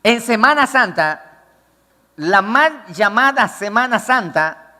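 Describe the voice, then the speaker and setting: Man, pastor, fervent emphatic sermon, sharp bright tone, long church reverb. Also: high-pitched, expressive, slow. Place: church with congregation.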